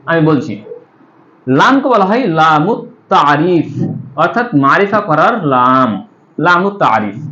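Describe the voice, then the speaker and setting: A man's voice: high-pitched, fairly bright tone, slight background noise. A man teaching an Arabic grammar class. He explains step by step, asks the students questions and answers them himself, with hesitant fillers while he thinks. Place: madrasa classroom. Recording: echoey room, dull lo-fi sound.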